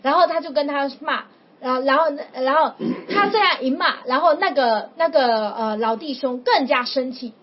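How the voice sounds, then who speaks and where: A woman preaching informally to a small group, telling a story in a chatty, animated way. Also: high-pitched, moderate pace. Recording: dull lo-fi with faint noise.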